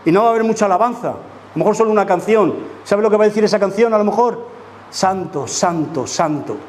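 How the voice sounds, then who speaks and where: A man's voice: high-pitched, steady tone, very fast, a little mellow, slight background noise. A man from preaching a sermon as pastor, emphatic and full of rhetorical questions to the congregation. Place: church.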